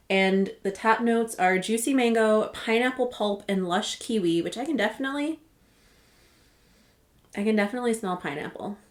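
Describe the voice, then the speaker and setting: Chatty woman beauty vlogger. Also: medium pitch. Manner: chatty, self-correcting, rambling asides. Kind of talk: casual product walkthrough.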